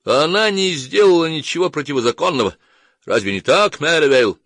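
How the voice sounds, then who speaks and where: A man's voice: a little high, lively intonation, a little fast, fairly bright tone, no echo, studio quality, voice pushed up. A man reading an audiobook voices an irritable man who snaps back defensively. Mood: irritated.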